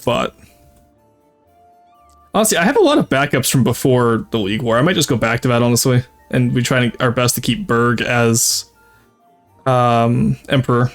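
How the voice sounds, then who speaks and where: A man's voice: mid-range voice, expressive, normal speed, long pauses, faint music behind. A man streaming a strategy game with casual live commentary, thinking aloud and talking to his chat. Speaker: streamer, VTuber.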